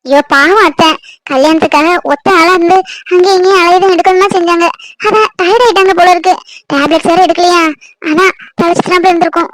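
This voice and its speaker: A performer voicing a shy, caring young newlywed bride in a cartoon, speaking softly and pleadingly. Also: very high voice, quick pace. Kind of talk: cartoon voice acting.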